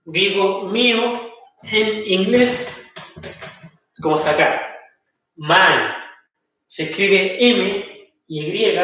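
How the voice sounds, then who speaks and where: Captured far from the microphone in an echoey room, with dull lo-fi sound, this recorded online class features a man teaching English to students. His voice sits high and a bit bright, he has a Chilean Spanish accent, and he explains patiently while frequently checking in.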